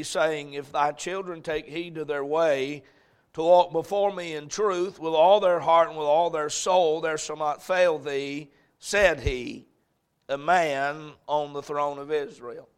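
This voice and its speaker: A man's voice: a little high, steady tone, a little slow, fairly bright tone, clear, resonant tone. A male pastor preaching and reading scripture to a congregation, in an echoey church hall. He talks in a folksy way and repeats phrases, then swells when he reads verses aloud. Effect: echoey church hall sound.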